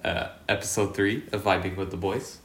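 A man's voice: deep voice, fairly even intonation, moderate pace, fairly bright tone, slight background noise. A man co-hosting a casual podcast chat, with a nasal voice, stuffy from allergies, rambling with many fillers and restarts. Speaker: podcast co-host. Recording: echoey room.

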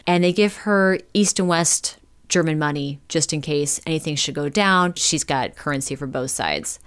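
Low-voiced woman telling a story casually. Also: moderate pace, clear, resonant tone. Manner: chatty, lots of "like" fillers, occasional swearing. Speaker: podcast storyteller.

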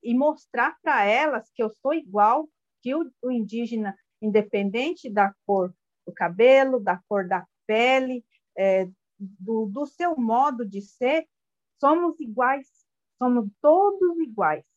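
Her first language Guarani-Mbyá, a woman in her 30s speaks softly and slowly in a personal testimony, her voice on the high side with lively intonation. She searches for words in a gentle, reflective way, captured in dull lo-fi sound.

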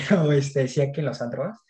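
A man's voice: mid-range voice, animated, brisk, a little mellow. A man with a Mexican accent, chatting casually in slang and gossiping as he retells an interview. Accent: Mexican Spanish. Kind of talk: casual chat.

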